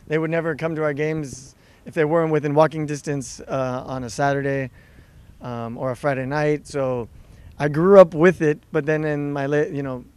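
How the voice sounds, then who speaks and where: Chatting casually outdoors by a river, a soccer player from Los Angeles, California, laughs often during his interview. His voice is smooth and a little on the high side.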